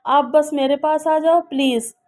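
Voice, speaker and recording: A woman voicing a gentle, gravely ill young man who speaks softly and tenderly in a storybook tale. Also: high-pitched, steady tone, a little slow.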